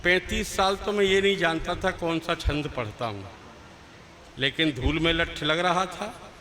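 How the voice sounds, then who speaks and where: Older man, high bright stage poet. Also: measured pace, a little hiss or hum. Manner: chatty, asks the crowd rhetorical questions, chants verses. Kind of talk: humorous stage poetry recital. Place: poetry gathering before a live audience.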